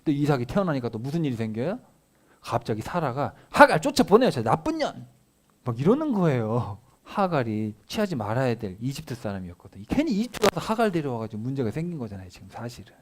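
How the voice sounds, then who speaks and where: A male pastor giving a casual family sermon. He retells scripture as a lively story and keeps asking his listeners rhetorical either-or questions. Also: mid-range voice. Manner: conversational, animated storytelling.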